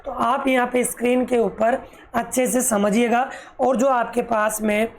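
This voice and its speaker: A woman teaching a children's English poem, calling her young pupils fond pet names and dictating meanings slowly. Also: on the high side, fairly even intonation, a little hiss or hum. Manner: slow, spelled-out dictation of meanings.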